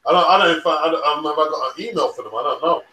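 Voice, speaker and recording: A man hosting a casual livestream chat about boxing. He is lively, then trails off into low, quiet mumbles. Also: racing. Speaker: livestream host. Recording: roomy sound with faint noise.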